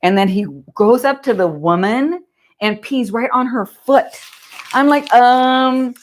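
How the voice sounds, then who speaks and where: A woman's voice: mid-range voice, a little slow. A woman telling a rambling, chatty story while she crafts, often laughing at her own tale. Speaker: craft vlogger.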